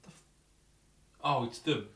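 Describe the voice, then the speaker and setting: A man's voice: unhurried, a bit bright, distant mic. Man chatting in an echoey room. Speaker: paranormal show co-host. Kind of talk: live ghost-hunt chat. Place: old house at night. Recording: echoey room, away from mic.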